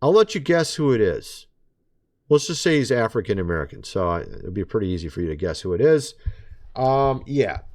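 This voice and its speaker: A man's voice: fairly low pitch, sing-song, fairly quick, darkish tone. A man talking straight to his viewers in a casual commentary monologue, sarcastic and chatty, and he keeps calling them folks. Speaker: vlogger.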